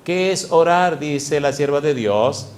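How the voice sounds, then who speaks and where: A middle-aged male pastor preaching a lively sermon in a church, often asking the congregation questions. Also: on the high side, slow pace, slight background noise. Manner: animated, asks the congregation repeated questions. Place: church sanctuary.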